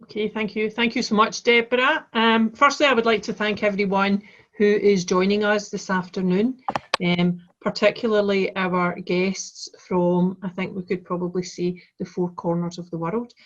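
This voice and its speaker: A woman's voice: mid-range voice, flat delivery, normal speed. A woman with a broad Glaswegian Scottish accent, formally and courteously giving a chair's welcome address over a dull video-call connection. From Glasgow, Scotland. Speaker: conference chair giving opening remarks. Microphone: video call microphone.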